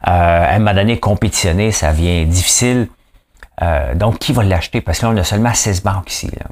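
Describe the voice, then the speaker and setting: A man's voice: sits low, quick pace, a little mellow. A man with a Québécois French accent hosting a podcast, giving opinionated news commentary full of rhetorical questions and acted-out quotes. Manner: rhetorical questions, folksy and emphatic; acts out quoted voices mid-rant. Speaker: podcast host.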